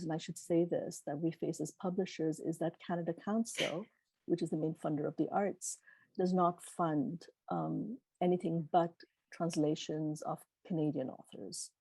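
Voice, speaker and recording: A middle-aged woman, a literary publisher appearing as a keynote speaker, answers questions informally in an earnest, encouraging manner. Her first language is Gujarati, and her voice sits on the low side with a dark tone. The low-quality recording has no room sound.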